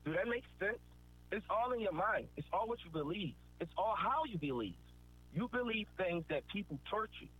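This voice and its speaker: At a normal speed and in a high-sitting, animated voice, a motivational speaker earnestly preaches, going back over his points for emphasis. Faint noise rides a tinny, phone-like recording.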